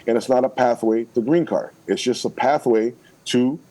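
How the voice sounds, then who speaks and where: A man's voice: medium pitch, normal speed, dark tone, low-quality recording. A man, a political candidate, making his case in a radio interview, emphatic and persuasive, checking in with "okay?" again and again.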